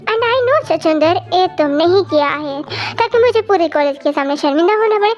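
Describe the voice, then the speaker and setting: A woman's voice: very high voice, animated, moderate pace, muffled recording. A woman performing acted fan-fiction dialogue, trading taunts and insults as she switches between characters.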